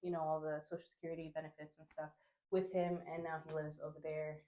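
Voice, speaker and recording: A young woman from Honduras who grew up in New Jersey chats casually as a podcast guest, peppering her speech with "like" and "you know." Her voice sits low and dark with flat delivery and a quick pace, and the audio sounds roomy and dull.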